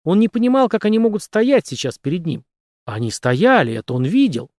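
Male narrator, expressive read, animated pitch, dry close recording. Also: brisk, dry recording. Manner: expressive storytelling reading. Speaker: audiobook narrator. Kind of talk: scripted narration.

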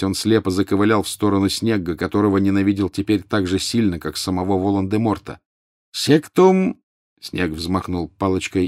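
A man's voice: low-pitched, darkish tone, no echo, clean studio sound. A man narrating an audiobook in a tense, urgent reading style.

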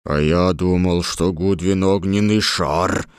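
A woman voicing a big cowardly lion in a deep, drawn-out voice. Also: fairly even intonation, darkish tone, smooth, no room sound, studio quality. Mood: gruff.

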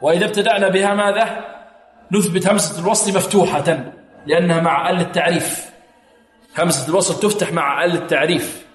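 A man teaching Quranic recitation rules. He asks questions, answers them himself, and chants slow, drawn-out examples. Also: high voice, fairly even intonation, soft background music. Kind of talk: tajweed lesson with recited examples. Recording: echoey hall recording.

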